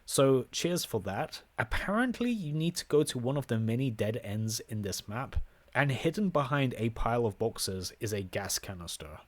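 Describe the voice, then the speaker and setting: A man narrates his playthrough of a horror game with dry sarcasm and exasperation. His pitch swings widely as he reacts. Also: very animated, normal speed, no echo. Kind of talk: gameplay commentary.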